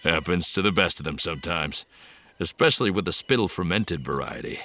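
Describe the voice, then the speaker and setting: A man's voice: low-pitched, expressive, a little fast, gravelly, pushed and bright, heavily acted. A man voicing a jovial old hermit who talks in a folksy, chuckling, rambling way.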